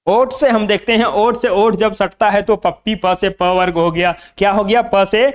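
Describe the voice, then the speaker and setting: Male tutor from Jharkhand, high clear voice, call-and-response drilling. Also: steady tone. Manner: repetitive call-and-response drilling, asks and answers own questions; chants mnemonics slowly. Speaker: teacher. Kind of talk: exam-prep lesson.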